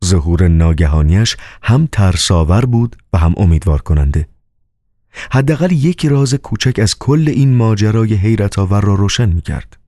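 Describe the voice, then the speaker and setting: A man reading an audiobook novel with calm, measured storytelling. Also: on the low side, dry recording, studio quality. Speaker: audiobook narrator. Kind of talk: scripted narration.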